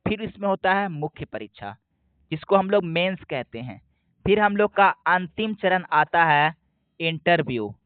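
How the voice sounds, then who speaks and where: Man, high voice, exam coach explaining step by step, dry close phone-line audio. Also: animated, clean tone, no echo. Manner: asks a question, then answers it himself; repeats key points slowly. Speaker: exam prep teacher. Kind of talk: explanatory lesson. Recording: dry, phone-like narrow sound.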